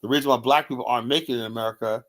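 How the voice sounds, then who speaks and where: A man giving heated political commentary as a streamer host, blunt and repetitive, filling pauses with "you know" and mocking others by quoting them in put-on voices. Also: mid-range voice, fairly even intonation.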